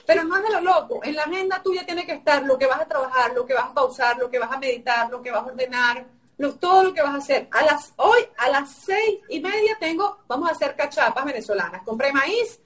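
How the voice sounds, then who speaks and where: A woman's voice: sits high, expressive, a little fast, a bit bright, distant mic. Tired-voiced woman coaching on a live call. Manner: emphatic, repetitive teaching phrasing. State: tired, sore-throated voice. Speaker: guest coach. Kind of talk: live-stream advice talk.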